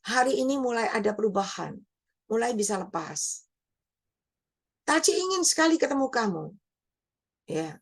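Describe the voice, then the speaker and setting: A woman's voice: medium pitch, vocal fry. A woman evangelist telling a personal testimony that rises into emphatic preaching.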